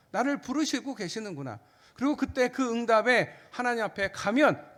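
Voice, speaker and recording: Male pastor, high voice, fervent sermon delivery in a church hall with long reverb. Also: fairly bright tone. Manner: impassioned preaching, voicing God's words in quotes. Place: church sanctuary.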